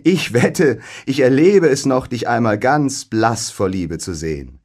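A man's voice: mid-range voice, animated, measured pace, darkish tone. A man voicing a genial, confident prince in a storybook, jovial and a little dismissive.

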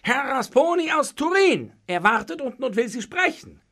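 A nosy young servant with a quick, high chatter, as a man puts him on in a storybook reading. The voice leaps around with a gravelly edge and a husky grain. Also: wildly swooping pitch, a bit bright, full character voice. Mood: cheeky. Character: comic young male servant, cheeky and nosy.

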